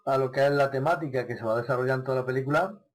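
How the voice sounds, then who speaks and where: A man in a medium-pitched voice hosts a casual radio talk show. He asks his guest questions and thinks aloud in a hesitant way. He often pauses and restarts, filling the gaps with short sounds. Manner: hesitant, many fillers and restarts.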